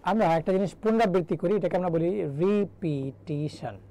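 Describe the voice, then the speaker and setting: A man's voice: high voice, steady tone, fast, dark tone, low-quality recording. A young man from Bangladesh teaching English grammar in a live online class, chatty and joking as he quizzes students. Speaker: English tutor.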